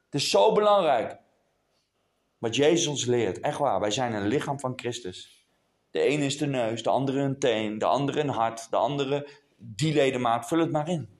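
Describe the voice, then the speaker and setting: A man preaching a passionate sermon to a congregation, dropping to a hush and then rising to a near shout. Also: medium pitch, expressive, normal speed. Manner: passionate, swings from hushed to raised. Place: church hall before a congregation.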